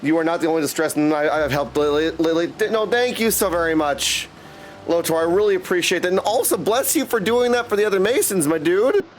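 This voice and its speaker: Talking fast in a high-pitched voice, an exuberant man uses plenty of slang as he chats with viewers and comments on the game he's streaming live. Game music can be heard underneath.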